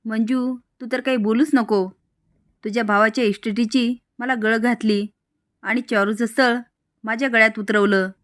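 A woman's voice: on the high side, fairly even intonation, moderate pace, a bit bright, no echo, clean studio sound, close to an everyday voice. A woman voicing a domineering, boastful mother-in-law in a serial retelling. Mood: scolding. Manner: boastful, scolding. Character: domineering proud middle-aged mother-in-law.

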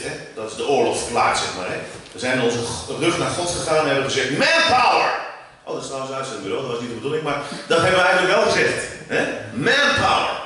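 A middle-aged Dutch-accented man preaching with animated swings in pitch and loudness, often repeating his first words before he gets going. He sits at a distance from the mic in a strongly reverberant church hall. A faint hum of room noise runs underneath. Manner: animated, rising sharply in pitch and volume for emphasis, many repeated starts. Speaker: preacher and worship leader. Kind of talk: sermon teaching.

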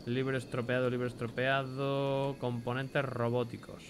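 A man's voice: mid-range voice, level tone, moderate pace, background noise. Young guy from spain doing let's play commentary, chatty, swears a lot, reads out loot names. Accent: Spain Spanish. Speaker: gameplay commentator.

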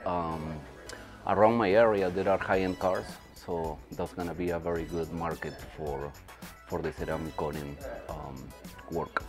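A car detailer from Virginia giving a halting interview answer that trails off. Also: male voice, deep voice, steady tone. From Virginia, USA. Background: background music.

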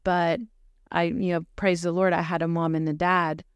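A middle-aged woman who runs a pregnancy medical center, telling stories in an animated, chatty way. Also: fairly low pitch, normal speed, smooth, no echo, dull audio. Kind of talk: casual chat.

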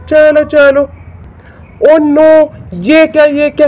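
A woman's voice: sits high, a little mellow. A woman narrating a toy doll play for children, exclaiming, repeating herself and speaking straight to the kids. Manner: exclaiming, repeats "look, look" and "very good"; addresses children directly. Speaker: storyteller for a toy channel.

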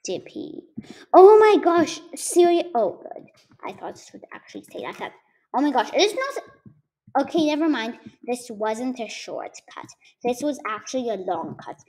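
Woman, fairly high voice, casual gameplay commentary, rambling, teasing, lots of fillers. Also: very animated, normal speed, poor audio. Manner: chatty, rambling, many fillers and restarts; playful teasing of viewers. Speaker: gaming YouTuber.

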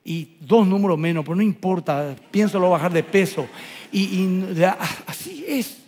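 A man preaching as a pastor, swinging between loud bursts and soft, hushed lines. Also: sits high, steady tone, normal speed. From Paraguay. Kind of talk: sermon. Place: church auditorium. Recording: large hall with long reverb.

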